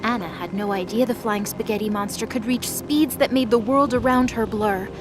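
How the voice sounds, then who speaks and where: At a normal speed, a woman with a fairly high voice reads a dramatic story from a script, with music clearly audible behind her.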